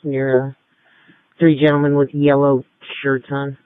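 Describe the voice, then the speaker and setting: A man's voice: medium pitch, completely flat delivery, measured pace, clean tone, dry recording. A man giving brief, clipped calls over a police radio transmission. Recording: tinny narrowband scanner radio.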